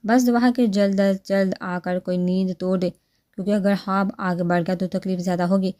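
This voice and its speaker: A woman's voice: mid-range voice, steady tone, dark tone, natural voice. A woman reading the part of a heartbroken, tearful young woman, bittersweet and wistful, in a storybook reading.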